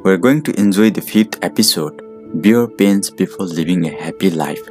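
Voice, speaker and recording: A man narrating a moral story in a slow, deliberate, explaining way. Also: sits low, music in the background.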